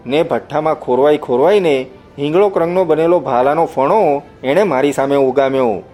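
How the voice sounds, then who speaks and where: A man's voice: a little high, warm tone. A man narrating an adventure novel as an audiobook, telling it in the first person in a vivid, dramatic way.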